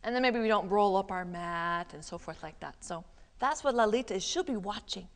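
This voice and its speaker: Animated woman teaching children's yoga. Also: medium pitch, fairly quick, in a large hall. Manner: animated, coaxing, sprinkles in Spanish words. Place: public library room, live audience.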